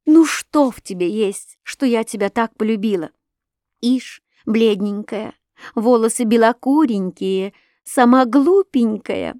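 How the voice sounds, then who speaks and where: A woman voicing an impulsive, proud young princess who talks emotionally and bursts into excited outbursts. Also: on the high side, dry recording, studio quality. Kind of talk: audiobook reading.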